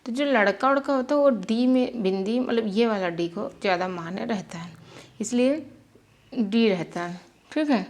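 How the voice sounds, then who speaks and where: A woman's voice: fairly high pitch, normal speed, a little mellow. A woman teaching beginners how to spell syllables, repeating each sound patiently and checking in often.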